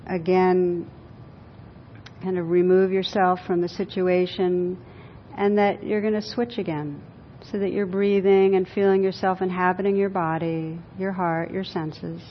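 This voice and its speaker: Slow, gentle woman guiding meditation, muffled recording. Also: on the low side, flat delivery. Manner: gentle, unhurried, pausing and repeating phrases. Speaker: meditation teacher leading a group. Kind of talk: guided meditation, then informal group discussion. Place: room with a group audience. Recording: dull lo-fi live recording, faint noise.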